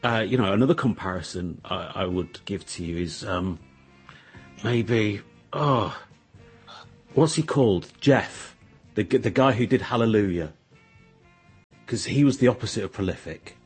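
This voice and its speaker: A man interviewing casually in a halting, tentative way, often restarting his questions. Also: lowish voice, breathy edge, soft background music.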